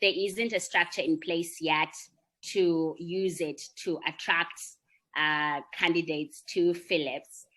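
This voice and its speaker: A young woman speaks in a slightly low voice. She answers interview questions earnestly and reflectively, often checking in with her listener. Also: steady tone, slow pace, fairly bright tone, a little hiss or hum. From Zimbabwe. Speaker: marketer and employee network founder.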